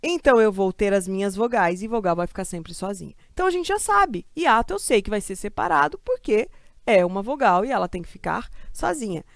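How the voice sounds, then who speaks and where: A woman from Brazil teaching a grammar lesson for exam prep, lively and chatty, asking questions and answering them herself. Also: medium pitch, fairly quick, no room sound, clean studio sound.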